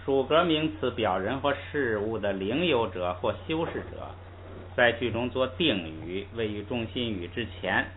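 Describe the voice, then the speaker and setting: A man's voice: mid-range voice, expressive, unhurried. A man teaching a language class, patiently explaining step by step and drilling pronunciation aloud. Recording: tinny lo-fi recording with faint hiss.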